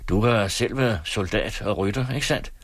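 Man reading as a bossy colonel, pitched up high from a low husky base, dry close sound. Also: dry recording. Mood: taunting. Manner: challenging, raised commanding tone. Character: domineering male army colonel, mocking and demanding.

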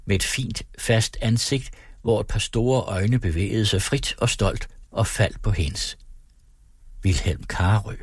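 A man reading a novel aloud on the radio in a measured way, with wry personal asides. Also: lowish voice, breathy edge, no room sound, studio quality. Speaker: radio reader.

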